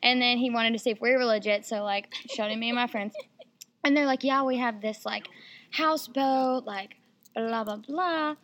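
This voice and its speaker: A young woman, a guest on a chatty podcast. Her voice is high and very bright. She rambles through her story with fillers and restarts. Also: normal speed, slight background noise. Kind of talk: casual storytelling chat.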